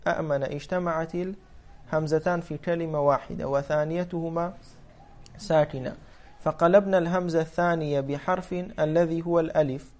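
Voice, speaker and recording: A man with a voice a touch higher than most teaches a classical grammar lesson. He moves step by step, restating each point in new words. He often puts a question to his students and answers it himself. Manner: repeats phrases and restates them for clarity. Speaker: teacher of Arabic morphology.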